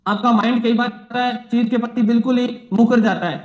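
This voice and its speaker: A man lectures like a coaching teacher and drills students by repeating each phrase several times. His voice sits very high for a man. The room around him is echoey. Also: steady tone, moderate pace. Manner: repetitive, drills phrases, asks and answers own questions. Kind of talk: exam-prep classroom lecture.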